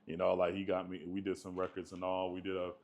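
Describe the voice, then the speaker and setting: Young male guest artist, very low voice, easygoing, stumbles over words. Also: monotone, darkish tone. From Buffalo, New York and Atlanta. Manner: easygoing, halting restarts. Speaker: guest musician. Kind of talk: casual interview chat.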